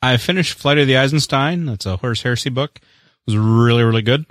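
Recorded at studio quality with no echo, a man with a medium-pitched voice talks at a quick pace. As a podcast co-host, he chats about movies and books in a rambling, wry and self-deprecating manner.

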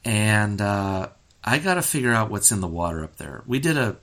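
A man's voice: fairly low pitch, lively intonation, moderate pace, a bit bright. A man hosting a casual sports podcast, opinionated and rambling, with many fillers and restarts. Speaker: podcast host.

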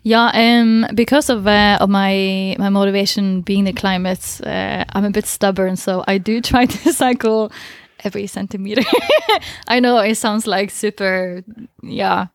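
A woman's voice: medium pitch, fairly even intonation, measured pace, dry recording, clean studio sound. A woman guest in a conversational interview, speaking thoughtfully and hesitantly with frequent fillers and laughs. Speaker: interview guest, long-distance cyclist.

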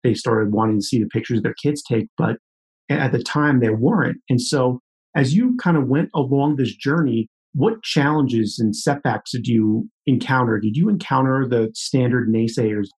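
A man's voice: medium pitch, normal speed, darkish tone, rough recording. Thoughtful podcast host man in his thirties. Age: 30s. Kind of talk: interview conversation.

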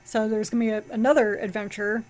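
A woman's voice: mid-range voice, little pitch movement, quick pace, darkish tone. A woman co-hosting a casual comics podcast, rambling through plot recaps with fillers and restarts. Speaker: podcast co-host.

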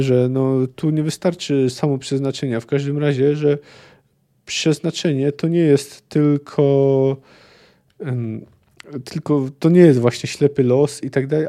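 A man's voice: on the high side, mellow. A man hosting a podcast, casually discussing a book and hesitating often with fillers. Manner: hesitant, many fillers and restarts.

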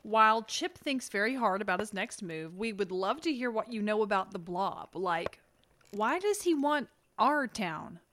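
A woman's voice: mid-range voice, expressive, measured pace, a bit bright, a little hiss or hum. A woman voicing a wry, skeptical young woman in a cartoon, with a dry, sarcastic manner.

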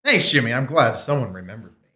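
Co-hosting a podcast as a live comedy variety show on a comic shop stage, a man banters in a hammy, teasing way. His medium-pitched voice is bright and forceful, fast, with lively intonation. The echoey venue carries music and crowd noise.

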